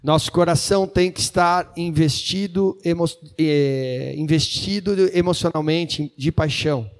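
Male church interpreter with a slightly high voice, translating a sermon line by line and fixing his words as he goes. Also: measured pace. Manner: translating phrase by phrase, with small fillers and self-corrections.

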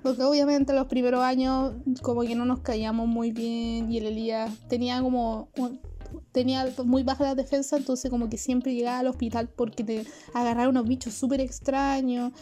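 A woman's voice: fairly high pitch, flat delivery, brisk, dark tone, faint music behind. A woman with a Chilean accent casually telling childhood anecdotes, full of slang and swearing and laughing as she goes. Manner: slangy, swears often, laughs through stories. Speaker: storyteller.

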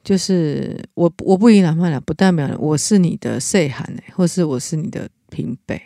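In a clean studio recording with no echo, a medium-pitched, gravelly, dark-toned voice speaks at a moderate pace. It belongs to a teacher and podcast co-host with a Taiwanese Mandarin accent, who tells a personal story in casual conversation, earnest and frequently restarting.

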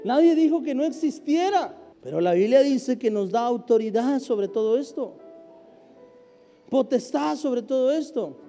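A man preaching a sermon as pastor, emphatic, swinging between loud and hushed. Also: extremely high pitch. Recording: hall reverb with faint music.

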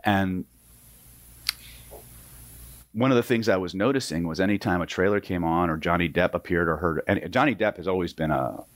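Male seminar instructor from Oklahoma with a deep voice, emphatic delivery and rhetorical check-ins, dry recording. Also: moderate pace, long pauses, no echo. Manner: emphatic, peppered with rhetorical "right?". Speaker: hypnosis instructor. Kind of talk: seminar lecture to a live audience.

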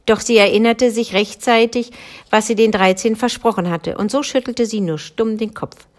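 Calm German woman reading a bedtime story. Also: a little high, normal speed. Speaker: reader.

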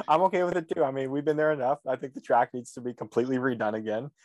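A man's voice: mid-range voice, fairly even intonation, racing, darkish tone, no room sound. A man co-hosting a podcast in casual chat, joking sarcastically and swearing casually. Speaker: podcast co-host.

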